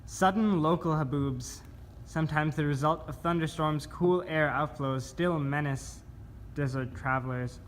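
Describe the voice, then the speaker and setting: In a measured, deliberate manner, a man with a fairly high voice gives a scripted spoken-word reading of poetic survival instructions. Background noise is clearly audible in the recording.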